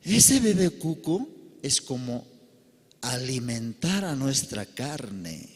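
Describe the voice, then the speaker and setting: Slow, animated preacher in a hall. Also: male voice, medium pitch, husky. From Bolivia. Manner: dramatic storytelling, with sudden loud outbursts and quiet drops. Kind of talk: sermon with a told parable. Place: church service.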